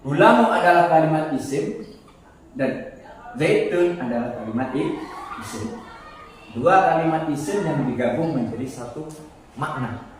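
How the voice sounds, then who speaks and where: A man teaches grammar at an unhurried pace, going back over each term and restarting words as he explains. His voice sits a little high for a man and comes from some distance away. The room around him rings with heavy echo. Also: animated, a little hiss or hum. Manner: slow and explanatory, repeats terms and restarts words. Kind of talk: casual grammar lesson. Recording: echoey room, voice far from the mic.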